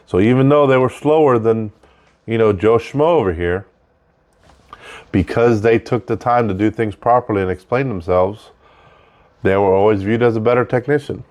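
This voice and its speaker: A man's voice: on the low side, moderate pace, darkish tone. A man hosting a casual unscripted monologue, talking conversationally and repeating points for emphasis, with audible breaths between his phrases. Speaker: host of a show about technical trade work.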